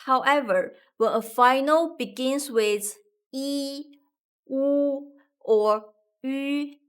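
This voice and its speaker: A woman teaching pronunciation, enunciating each syllable slowly and repeating it twice. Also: high voice. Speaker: language teacher. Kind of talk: slow, deliberate pronunciation lesson.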